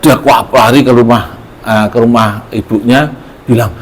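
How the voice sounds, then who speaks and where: A man, a religious teacher, telling a moral story in a lively, animated way. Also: mid-range voice, normal speed, slightly rough, poor audio.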